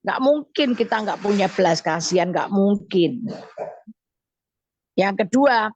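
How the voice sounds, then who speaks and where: A woman evangelist, teaching from the Bible on a radio show and telling stories with deliberate emphasis. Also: mid-range voice, animated, darkish tone, no echo. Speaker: evangelist guest speaker. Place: radio studio.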